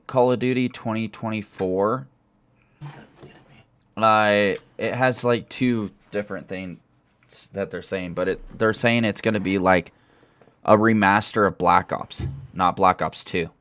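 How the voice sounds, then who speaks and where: A man's voice: fairly low pitch, fairly even intonation, a little slow, fairly bright tone, smooth. A man hosting a casual gaming podcast over an online call, rambling with lots of fillers. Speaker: podcast host.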